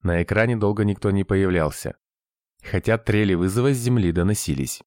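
A man narrating a science-fiction audiobook in an even, measured way. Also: sits low, no room sound, clean studio sound.

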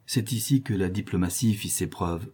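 A man reading a novel aloud as audiobook narrator, measured and expressive. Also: sits low, slightly rough.

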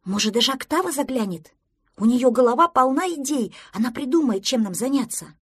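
Storybook duckling, small and cheerful, exclaiming everything in a high husky voice, read by a woman. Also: expressive, a little fast, no echo, clean studio sound. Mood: hopeful. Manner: loud, eager, exclaiming. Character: excitable little duckling, cheerful and bossy.

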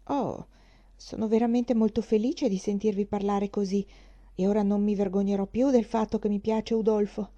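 A woman's voice: medium pitch, fairly even intonation, moderate pace, mellow, dull audio, close to an everyday voice. A woman reading the part of a naive young woman who talks with earnest enthusiasm. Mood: eager.

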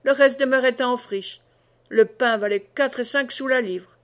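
A woman's voice: on the high side, a little slow, lightly acted. A woman voicing a grave old peasant man recalling hard times, in her near-natural voice. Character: old peasant man, bitter about past.

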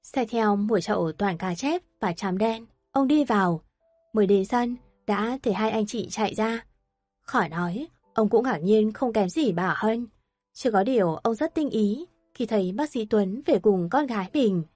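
A woman narrating an audio story with steady, even storytelling. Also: mid-range voice, unhurried, no echo, clean studio sound, soft background music.

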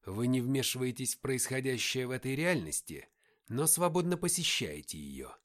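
A man voicing a menacing inhuman male being in an audiobook, speaking slowly and with a hiss. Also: mid-range voice, animated, a bit bright, lightly acted. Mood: cold. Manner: slow, hissing, deliberate speech. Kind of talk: audiobook character voice.

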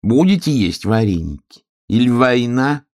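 A sly, smug lynx from a children's tale, as a man reading aloud puts her on. The voice sits high above his usual low tone, drawn out and teasing. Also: big pitch swings, measured pace, darkish tone. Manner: drawling, mocking.

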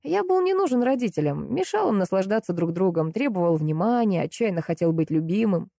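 Brief: woman reading a blunt man giving orders, dark mellow tone, dry close sound. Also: mid-range voice, very animated, brisk, creaky, no echo. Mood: explaining. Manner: curt, commanding. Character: brusque man, commanding and wry.

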